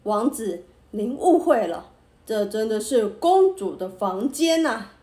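A woman's voice: fairly high pitch, sing-song, slow, mellow, roomy sound, pitched below the performer's own voice. A woman voicing a worried older male royal minister in a children's story, pleading and anxious.

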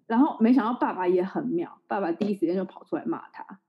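A woman's voice: mid-range voice, lively intonation, fast, slightly rough. A woman in her thirties, a podcast co-host chatting casually and telling a family story with frequent laughter. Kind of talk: casual chat. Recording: slightly dull lo-fi recording.

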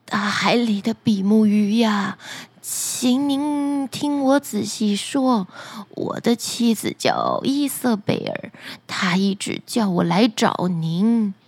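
A woman's voice: mid-range voice, big pitch swings, slow, darkish tone, dry recording, pitched below the performer's own voice, exaggerated voice. A woman voicing a timid, meek fisherman who pleads fearfully with his wife in a bedtime story.

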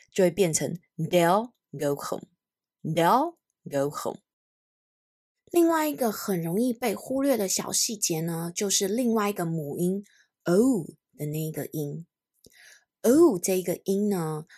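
A young woman hosting a podcast pronunciation lesson, patiently modeling English phrases slowly for listeners to repeat. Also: medium pitch. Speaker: English teacher and podcast host.

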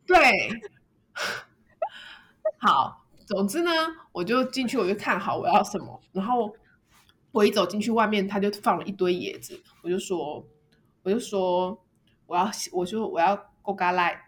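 Animated woman telling a story. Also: mid-range voice, moderate pace, long pauses. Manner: animated, laughs often while telling stories. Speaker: podcast co-host. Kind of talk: casual storytelling chat.

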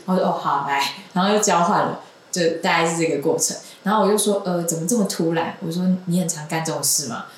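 A woman's voice: on the low side, quick pace, slight background noise. A young woman, chatting casually as a guest and telling a long, rambling story between frequent giggles. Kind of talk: casual chat. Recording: roomy echoing room.

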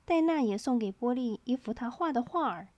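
A woman reading a children's picture book aloud in a lively, expressive way. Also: a little high, brisk, no room sound, muffled recording. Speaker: storyteller.

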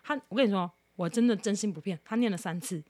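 A woman from Taiwan chatting casually as a podcast co-host, telling an animated story, mimicking other people's voices and laughing often. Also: medium pitch, fast. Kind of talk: casual chat.

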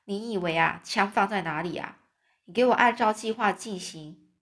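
A woman voicing a gruff, scheming male sailor who talks bluntly and scolds his shipmates. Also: medium pitch, moderate pace, a bit bright, natural voice. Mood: gruff, scolding.

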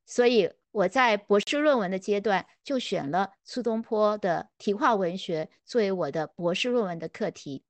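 A woman's voice: medium pitch, moderate pace, hardly any pauses, no echo. Middle-aged woman scholar, conversational storytelling lecture, dry close-mic sound. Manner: reflective, conversational, acts out quoted dialogue. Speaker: literature scholar.

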